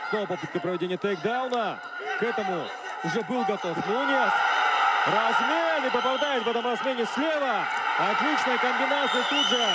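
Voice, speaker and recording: A man giving live play-by-play combat sports commentary, excitable and swelling toward shouts at key moments. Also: sits high. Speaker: MMA fight commentator. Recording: loud crowd and venue noise behind. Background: noisy arena crowd.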